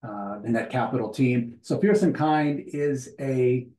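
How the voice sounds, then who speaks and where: A man presenting his company over a video call, thankful and a little halting. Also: medium pitch, darkish tone. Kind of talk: pitch presentation. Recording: roomy video call audio.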